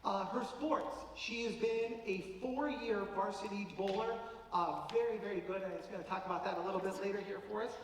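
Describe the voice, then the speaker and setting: A man presenting informally as a school official at a public meeting, halting a little as he reads out details. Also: sits high. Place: large auditorium, from the stage. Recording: very echoey auditorium, distant mic, faint noise.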